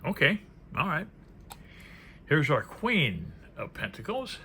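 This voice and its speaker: A man whose voice sits a little high goes over a tarot deck in relaxed, unplanned talk, musing and drifting off into murmured comments. He takes it slowly, his pitch swings hugely, and his tone is sharp, with faint noise in the background.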